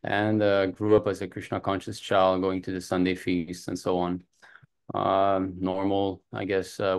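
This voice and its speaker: This man in his thirties, a native French speaker from Montreal, Canada, shares his personal story as a podcast guest. His voice is low, clear, and resonant.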